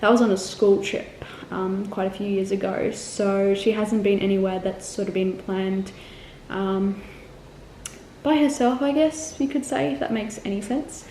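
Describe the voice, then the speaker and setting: A young travel vlogger from Melbourne, Australia, talks casually to the camera, rambling with plenty of ums and corrections of herself. Her medium-pitched voice is mellow, with fairly even intonation and a measured pace. The room is echoey, with faint ambient noise.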